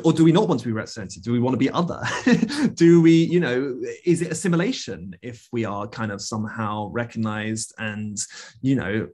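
A man's voice: medium pitch, darkish tone, breathy edge. A man, a guest artist, answering questions on a video call, thoughtful and full of fillers and restarts. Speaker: guest speaker, media artist. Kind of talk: casual talk and Q&A.

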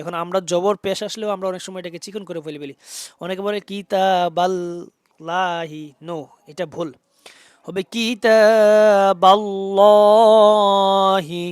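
Guy teaching tajweed, high smooth voice, dry close sound, keeps asking "right?". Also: no echo. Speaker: Quran reading teacher. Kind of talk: tajweed lesson, spelling out letters then reciting.

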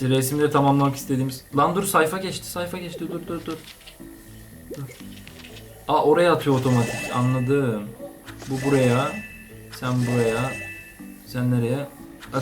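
A young man giving casual, slangy gameplay commentary, excitable and chatting to the characters on screen. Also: mid-range voice. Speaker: gaming YouTuber.

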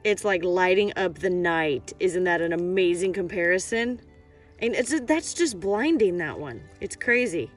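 Soft background music plays as this woman speaks in a lowish, expressive voice, a little slowly. In her thirties, she hosts a rock-hunting vlog outdoors on a rocky shore, chatting casually, informally and enthusiastically, full of exclamations, on a handheld camera.

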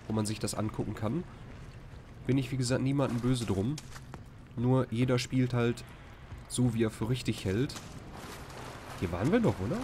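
A man's voice: medium pitch, a little mellow, a little hiss or hum. A man with a German accent giving casual, rambling commentary while playing a video game, often exclaiming at what he sees. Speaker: let's play commentator.

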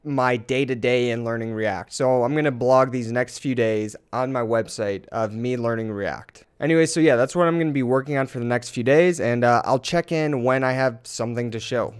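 A young man chatting casually in a vlog, candid with dry jokes. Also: mid-range voice. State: raspy morning voice. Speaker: vlogger.

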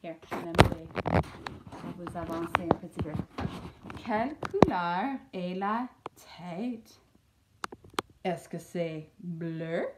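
A woman teaching young children a French lesson, sounding out letters and syllables slowly and clearly and slipping into English now and then. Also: on the low side, expressive, very noisy. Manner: sings a short vowel song. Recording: echoey room.

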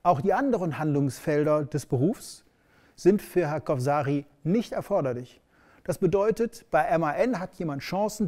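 A middle-aged man presenting as an education expert to camera in a studio, measured and explanatory, stressing key words. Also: fairly high pitch, a little mellow.

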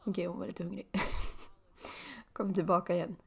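A woman talks through her game in a casual let's play, chatty and loose. Her voice has a gravelly fry to it, and she breaks into sudden excited high bursts between soft asides. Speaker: gaming video creator.

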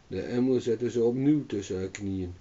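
A man reading a fairy tale aloud as a storyteller, in calm steady narration, on a dull distant recording. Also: on the low side, normal speed.

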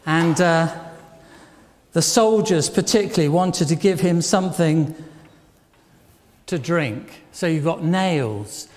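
An older man leads an all-age church service, his fairly high voice slow, a little mellow, and broken by long pauses. He puts questions to the congregation and repeats their answers back approvingly. The church hall is echoey, with faint background noise.

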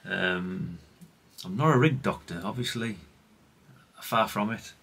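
Slow and fairly low, his voice carries vocal fry and a slightly rough edge while staying fairly bright. He's a middle-aged British hobbyist presenting radio repairs in a casual, unscripted, hands-on way, rambling, putting himself down and swearing mildly.

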